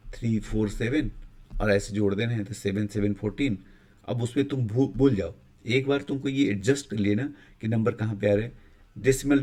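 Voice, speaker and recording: A man's voice: on the low side, dark tone. A man teaching a maths lesson in a casual, explaining manner, often checking in with students and sometimes restarting his sentences. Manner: casual explaining, frequent "ठीक है" check-ins, halting restarts.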